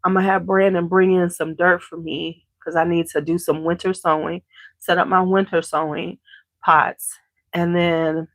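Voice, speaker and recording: Her voice leans low and the recording has no room sound. She's a congested woman from the Chicago area hosting a beauty channel, casually chatting with a live audience at home and saying hello to viewers by name.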